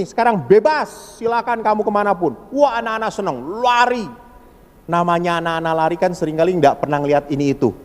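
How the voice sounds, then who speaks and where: Animated priest preaching in an echoey hall. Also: male voice, sits high. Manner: animated, acts out voices in his stories. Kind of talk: sermon with lively storytelling.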